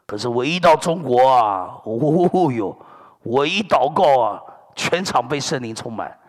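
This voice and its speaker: A man's voice: medium pitch, unhurried. A middle-aged male pastor preaching a sermon, telling stories with lots of energy and dropping in hallelujahs and amens. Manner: animated storytelling preacher, sprinkling hallelujahs and amens. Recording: long hall reverb.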